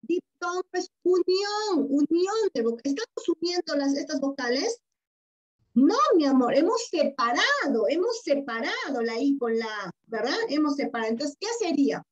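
A woman's voice: sits high, lively intonation, moderate pace. A Peruvian woman teaching a primary class online, patient and affectionate, coaxing answers with questions and repeating key words. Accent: Peruvian Spanish. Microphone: video call. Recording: dull lo-fi video call audio.

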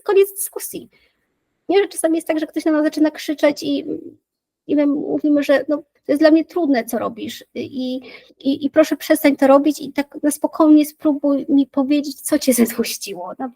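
A woman's voice: sits high, darkish tone, no echo, rough recording. A woman psychologist in a casual, thoughtful chat about emotions, with many fillers and restarts. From Poland.

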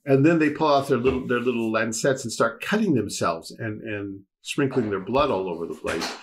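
A man hosting a casual Bible discussion, telling the story in a rambling, animated way with repeated words. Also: mid-range voice, a little hiss or hum. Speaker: host and Bible teacher.

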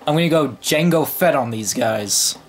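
Excitable low-voiced woman gaming. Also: moderate pace, a little hiss or hum. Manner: excitable, bursts into loud exclamations. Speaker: gameplay commentator. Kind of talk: casual gameplay commentary.

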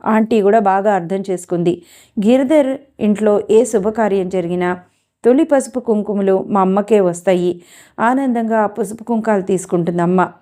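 A woman's voice: mid-range voice, normal speed, mellow, lightly acted. A woman reading the part of a young woman who earnestly speaks about the father who left her. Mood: wistful.

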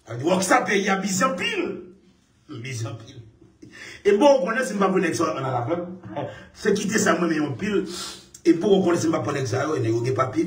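A man talking excitedly in casual speech, laughing often and repeating his phrases. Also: sits high. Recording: echoey room, far from mic.

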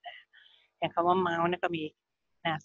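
A woman teaching young pupils English, slowly spelling out words letter by letter and repeating them patiently. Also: fairly low pitch, completely flat delivery, no echo, muffled recording. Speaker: primary school English teacher.

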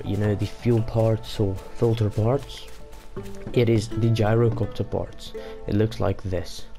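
With a lowish, mellow voice, this young YouTuber talks over a game he's playing. Afrikaans is his first language, and his casual commentary rambles, packed with fillers and restarts.

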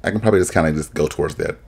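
A man's voice: a bass voice, rapid-fire, vocal fry, heavy background noise. A young man hosting a reaction video from a small room on a webcam and desk mic, cracking sassy, shady jokes and laughing often. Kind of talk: casual reaction commentary. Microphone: desk microphone, webcam.

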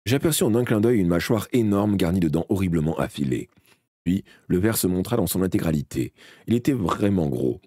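A man reading a fantasy novel aloud in a live audiobook session, his voice very deep and dark with a husky grain. His delivery swings widely in pitch, expressive, though he sometimes stumbles and restarts a word, in a dry, close sound. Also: brisk, no room sound. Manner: expressive, with occasional slips and restarts. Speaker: audiobook reader.

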